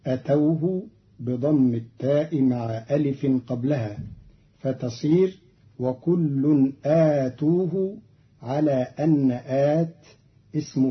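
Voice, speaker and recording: Man, scholarly lecture, slow and deliberate, careful enunciation, muffled lo-fi archive sound. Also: mid-range voice. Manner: measured, carefully enunciated, quotes verses in a reciting tone. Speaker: scholar introducing a recitation. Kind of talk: scripted explanatory lecture. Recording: dull lo-fi archival recording.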